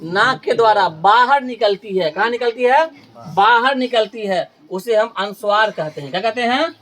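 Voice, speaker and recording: A man teaching Hindi grammar in a classroom lesson with students. He repeats each question and answer as a drill and stretches key terms slowly for emphasis. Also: high voice, expressive, a bit bright.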